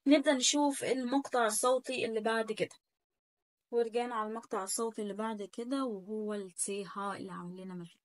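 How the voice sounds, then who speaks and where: A chatty woman with an Egyptian Arabic accent teaches, drawing each word out slowly and repeating it several times. Her voice sits a little high. The recording is dry, with no room sound. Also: fairly even intonation, no echo. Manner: drills words slowly, repeating them again and again; chatty, asks "okay?" after each point. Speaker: German teacher. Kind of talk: casual spoken lesson.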